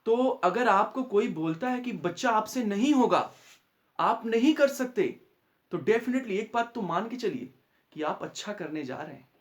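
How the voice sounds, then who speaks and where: A high-pitched young man speaks as a maths teacher giving students a motivational talk. He talks earnestly and now and then acts out the taunts and warnings of neighbours. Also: animated, measured pace.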